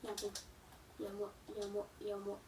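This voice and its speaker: A young woman who's a gaming YouTuber chats casually with her viewers over gameplay, using plenty of fillers while nursing a slight cold and sore throat. Her mid-range voice is monotone and moderately paced. The recording sounds roomy and distant, with a noisy background.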